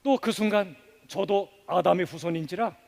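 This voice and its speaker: A man with a high-pitched voice delivers a sermon from the pulpit, his words ringing with the long reverb of a church sanctuary. He questions the congregation and has them repeat after him, punching some words and letting others fall to a near hush. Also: moderate pace, gravelly. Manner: emphatic, swings from loud stresses to soft, hushed endings. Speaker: pastor.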